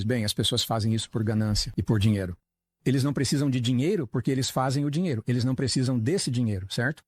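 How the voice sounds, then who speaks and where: In a dry recording, a medium-pitched man provides the Portuguese voice-over for an interview talk. He sounds earnest and explanatory, asking rhetorical questions and then answering them himself.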